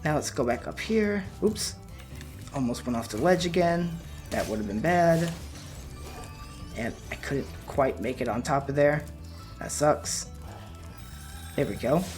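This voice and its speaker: A man giving relaxed, chatty commentary while playing a video game, his voice wearing out. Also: fairly high pitch, unhurried, long pauses, faint music behind. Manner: relaxed, chatty, laughs at his own mistakes. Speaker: let's play gamer. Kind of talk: casual gameplay commentary.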